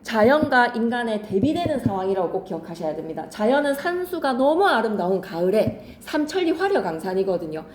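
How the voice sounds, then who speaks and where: A woman teaching a poetry lesson to students, lively, switching between polite and casual speech and acting out lines dramatically. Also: on the high side, fairly quick, few pauses, roomy sound, a little hiss or hum. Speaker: Korean literature teacher. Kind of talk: classroom lecture on poetry.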